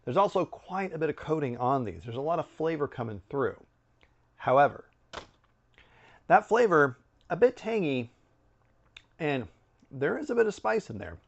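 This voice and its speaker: Animated middle-aged man reviewing snacks. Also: fairly high pitch, moderate pace, gravelly, long pauses, dull audio. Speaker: snack review video host. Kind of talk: casual product review to camera. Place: indoor room with bookshelves.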